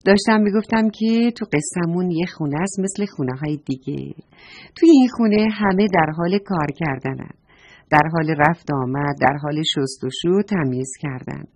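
A woman's voice: sits low, a little mellow, no room sound. A woman narrating a children's story, speaking affectionately and directly to the children listening. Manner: playful self-correction.

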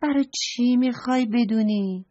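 A woman's voice: on the high side, mellow, no room sound, pitched above the performer's own voice, lightly acted. A woman voicing a self-assured crow in a children's story, on a dull lo-fi recording. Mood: boastful. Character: boastful crow sure his cawing is beautiful.

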